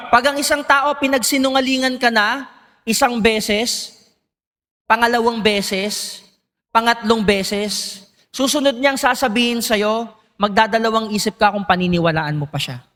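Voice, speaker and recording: A man's voice: extremely high pitch, a little slow, pauses often, bright, forceful tone, big-room sound. A male preacher giving a sermon in church, often asking the congregation questions. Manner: engaging, asks the congregation questions.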